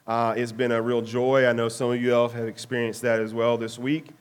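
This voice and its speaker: A man's voice: medium pitch, monotone, a little fast, clear, resonant tone. A man, a pastor giving announcements and a casual sermon in a church, sounding nasal from a cold and talking in a chatty, folksy way. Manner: folksy, chatty, frequent "all right?". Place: church sanctuary.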